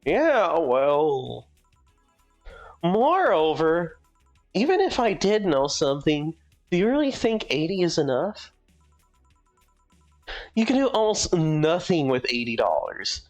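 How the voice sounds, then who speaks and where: A streamer as a deadpan woman bartender. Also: medium pitch, takes it slowly, long pauses, soft background music. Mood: scolding. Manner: deadpan, sarcastic scolding. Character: dry, sarcastic woman bartender. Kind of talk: live fan voicing of a game.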